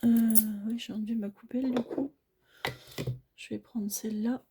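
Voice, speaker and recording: A woman's voice: on the high side, fairly even intonation, normal speed, noisy background. A woman talking casually as she fills cash envelopes at home, narrating each small task and often apologizing to her viewers, sometimes dropping to a near-whisper. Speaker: budgeting vlogger. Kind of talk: casual talk while filling cash envelopes.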